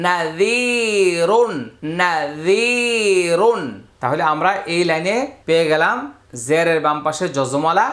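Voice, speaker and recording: A patient teacher, a man with a Bangladeshi Bengali accent, leads a recorded Quran reading lesson. He spells out each letter, then draws out the syllables in slow, repeated drills for his students. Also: a little high, a bit bright, reverberant.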